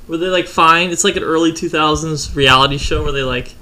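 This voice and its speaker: A man telling a long story in casual chat, swearing freely and animated. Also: on the high side, fairly quick.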